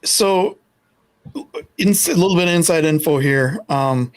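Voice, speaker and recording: A man guest on a sports podcast who talks in an animated way and acts out what others said. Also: fairly high pitch, measured pace, clean tone. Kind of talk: casual sports chat.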